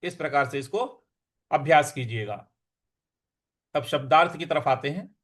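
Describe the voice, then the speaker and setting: Slow-chanting man teaching verse recitation. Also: fairly high pitch. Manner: slow, drawn-out chanting of verses between quick explanations.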